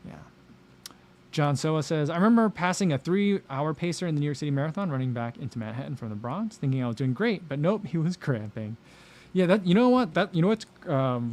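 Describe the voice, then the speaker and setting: A man's voice: on the high side, darkish tone. A man hosting a casual livestream, reading viewer comments aloud and rambling with fillers and frequent laughs. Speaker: running channel host. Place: home livestream.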